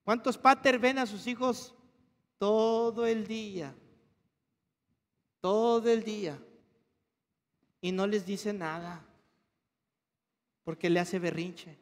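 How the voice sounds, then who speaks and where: A man's voice: high-pitched, fairly bright tone. A man preaching a sermon as a pastor, asking the congregation questions as he goes. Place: church hall. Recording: reverberant church hall.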